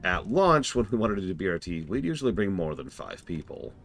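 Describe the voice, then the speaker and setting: A man's voice: low-pitched, sing-song, fairly quick, creaky, a bit bright, slight background noise. A man giving casual, rambling live commentary as he streams a game, explaining things as he goes.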